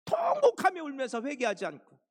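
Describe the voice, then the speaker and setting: Brief: man doing an enraged elderly apostle, high shouted rebukes, wide swings. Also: lively intonation, a little slow, vocal fry, breathy edge, exaggerated voice. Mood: furious rebuke. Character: stern older male apostle, furious and scolding.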